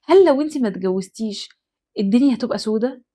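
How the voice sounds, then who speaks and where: Very fast, expressive, and mellow, a young adult woman's high-leaning voice carries her direct-to-camera advice talk. She hosts it in an Egyptian Arabic accent, speaking to the listener earnestly and emphatically.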